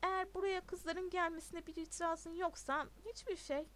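A woman's voice: very high voice, fairly even intonation, normal speed, a bit bright. A woman reading a storybook, voicing a bold, swaggering teenage schoolboy. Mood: cocky.

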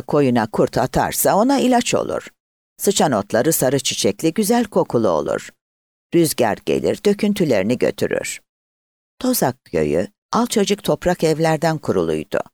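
Animated male storyteller, dry close sound. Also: medium pitch, dry recording. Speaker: narrator. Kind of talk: audiobook story narration.

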